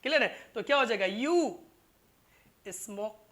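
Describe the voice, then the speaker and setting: Bright-voiced teacher. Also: medium pitch, expressive, slow pace. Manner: repetitive, keeps asking "clear?" and calls students "babu" and "bhai". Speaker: English teacher. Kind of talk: classroom grammar lesson in Hindi.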